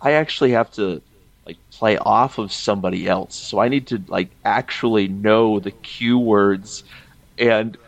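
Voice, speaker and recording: A man telling stories in casual podcast chat, animated and full of fillers and restarts. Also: on the low side, unhurried, gravelly.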